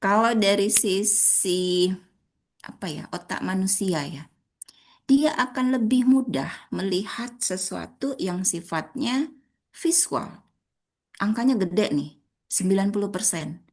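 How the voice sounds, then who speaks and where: A woman with an Indonesian accent leading a public speaking workshop, talking directly to the participants and acting out rising and flat intonation as examples. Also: medium pitch, a little slow. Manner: addresses audience as friends, demonstrates intonation.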